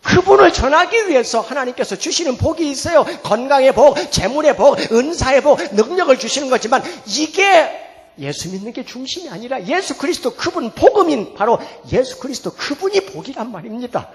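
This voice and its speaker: A middle-aged man preaching as a pastor, telling a family story in a lively sermon that swings from hushed to loud. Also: very high voice, a little fast. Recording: long hall reverb, faint music behind.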